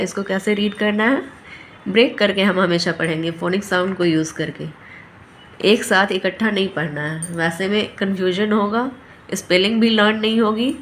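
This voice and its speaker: A woman's voice: medium pitch, slight background noise. A woman teaching a phonics lesson, sounding out letters and words one by one.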